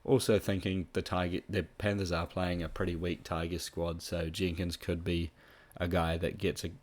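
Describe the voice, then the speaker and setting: Low-voiced nasal man. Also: normal speed. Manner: relaxed, with frequent ums and restarts. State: a bit sick. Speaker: fantasy football tipster. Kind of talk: casual solo analysis.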